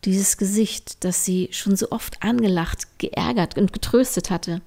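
A woman reading a bedtime story aloud, softly and often in a whisper. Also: medium pitch, measured pace, vocal fry. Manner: soft, often whispered narration.

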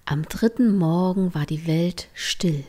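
A woman reading a bedtime story aloud, softly and often in a whisper. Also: fairly low pitch, slow, over loud music. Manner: soft, often whispered narration.

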